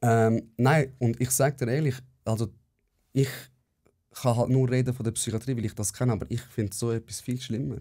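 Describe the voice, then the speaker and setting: A young Swiss German-accented man with a dark, mellow tone hosts a casual chat about nursing. He talks bluntly and with energy, tossing in casual swearing, at a medium pitch. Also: fairly even intonation, normal speed. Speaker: psychiatric nurse, podcast host.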